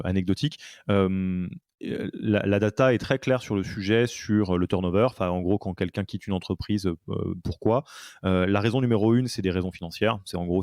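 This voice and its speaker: A man's voice: low voice, darkish tone, smooth, no echo, studio quality. A man hosting a podcast interview in casual conversation, hesitant, with many fillers and restarts. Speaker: podcast host.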